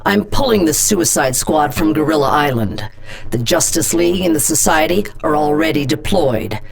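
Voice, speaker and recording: Deep and gravelly, with lively intonation at normal speed, an actress's voice brings to life a stern female government agency director in a video game. These game voice lines are commanding, blunt and intimidating, delivered as orders in radio-style briefings.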